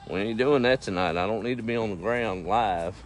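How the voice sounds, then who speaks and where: Outdoors on his farm, a middle-aged man with an East Texas accent chats on a livestream in a lowish voice at a slightly quick clip. He's folksy and easygoing, talking to both his animals and his viewers, with faint outdoor noise behind him.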